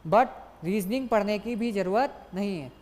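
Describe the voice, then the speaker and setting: A man's voice: sits high, a little mellow. Young male tutor, long reverb. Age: young adult. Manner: brisk and coaxing, says "sir" to students constantly; repeats key points for emphasis. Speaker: exam tutor. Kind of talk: online exam-prep lecture. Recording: long reverb, as in a large hall.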